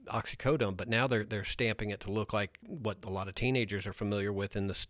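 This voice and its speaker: A man's voice: fairly low pitch, fairly even intonation, quick pace, a bit bright, no echo, studio quality. A man who works as a narcotics officer gives blunt, emphatic advice in a podcast interview, often restarting his sentences.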